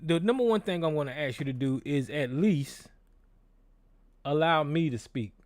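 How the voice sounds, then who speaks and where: A call-in show host with a fairly high, expressive voice speaks at a moderate pace, his tone on the dark side and free of echo. He's blunt and swears heavily, often restarting sentences in a casual monologue picked up by a desk microphone running through a board.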